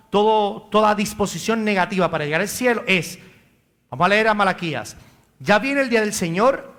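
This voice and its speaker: A priest preaching a homily at Sunday Mass, with a high-pitched, bright, forceful voice. He asks his congregation questions and answers them himself. Now and then he turns to a parishioner by name. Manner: addresses parishioners by name, joking. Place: church during Mass.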